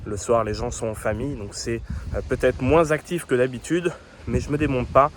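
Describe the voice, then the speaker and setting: A man's voice: mid-range voice, fairly even intonation, normal speed, a little hiss or hum. A young man talking to the camera as he walks a seaside town, chatty and upbeat as he tells his travel story. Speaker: travel vlogger. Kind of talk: casual travel vlog narration to camera. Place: outdoors on a seaside town street.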